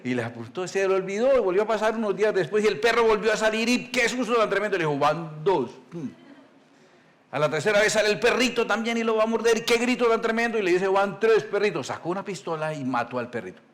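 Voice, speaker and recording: A male pastor, preaching in a conversational storytelling style, asking the congregation questions and reading scripture slowly. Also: high-pitched, animated, a bit bright. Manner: reads scripture slowly and deliberately. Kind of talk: sermon.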